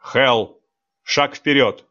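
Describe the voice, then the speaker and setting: A man's voice: medium pitch, extremely slow, pushed and bright, lo-fi sound. Adyr, a man doing a stern mercenary instructor. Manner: commanding, clipped orders.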